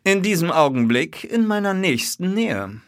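A man voicing a calm, unshakably composed male detective in a raised voice. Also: sits high, moderate pace, no room sound, clean studio sound, voice pushed up. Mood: calm, revealing.

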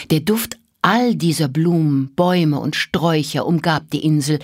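Brief: woman narrating a children's story, low, husky, very lively intonation. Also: dry recording, clean studio sound. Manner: expressive, melodic storybook delivery.

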